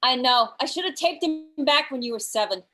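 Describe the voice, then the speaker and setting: A woman reading a sharp-tongued elderly mother who delivers blunt, deadpan insults in an amateur sitcom table read. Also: sits high, a little fast. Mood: sardonic.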